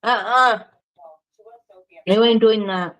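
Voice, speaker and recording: A woman's voice: fairly high pitch, fairly bright tone, poor audio. A woman in a casual group chat who chimes in with short, playful remarks of agreement. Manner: quick agreeing interjections, playful. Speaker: chat guest.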